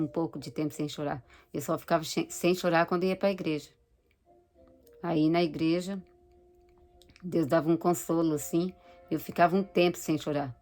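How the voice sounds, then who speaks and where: A woman giving a personal religious testimony, speaking haltingly and searching for words. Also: lowish voice, a little mellow. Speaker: church member giving testimony.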